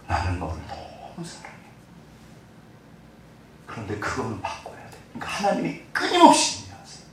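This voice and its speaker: A man's voice: mid-range voice, a little hiss or hum. Male pastor preaching in an echoey hall. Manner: animated preaching, swings between loud exclamations and soft, hushed quotes. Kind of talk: sermon. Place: church sanctuary. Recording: echoey church hall, mic at a distance.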